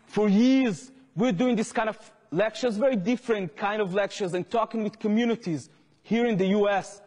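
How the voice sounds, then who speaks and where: High-voiced Israeli man lecturing in a hall. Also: a little mellow. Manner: earnest storytelling turning impassioned. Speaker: activist lecturer. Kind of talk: public lecture.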